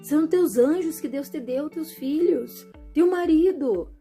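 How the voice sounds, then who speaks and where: A woman talking to her viewers in a chatty, animated way, often acting out what other people say. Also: high-pitched, a little slow, soft background music. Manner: chatty, animated, acts out quoted voices. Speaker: vlogger. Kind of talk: casual monologue to camera.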